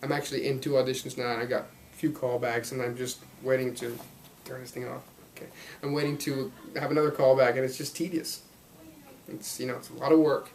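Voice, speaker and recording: A young man in his twenties, partly raised in Belgium and with ties to Los Angeles, chats as an actor guest in a casual interview about his acting career. His medium-pitched, darkish voice barely moves in pitch and runs a little fast, and he rambles upbeatly, laughing often. There's slight background noise.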